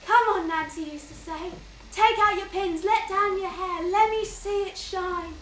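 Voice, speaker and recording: A fond mother, wistful and full of old stories, as an actress plays her on stage. Her voice sits very high and bright and moves unhurriedly. The sound is a roomy theatre stage picked up from a distance, with faint hiss. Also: measured pace. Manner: wistful, storytelling, quotes others fondly. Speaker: stage actor. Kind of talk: stage play acting. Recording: echoey stage miked from far off, light hiss.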